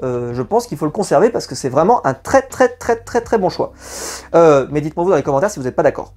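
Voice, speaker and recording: A woman's voice: low-pitched, sing-song, fast, a little mellow. A woman giving a casual, opinionated video review of a TV show, chatty and full of hesitations. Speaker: YouTube reality-TV reviewer.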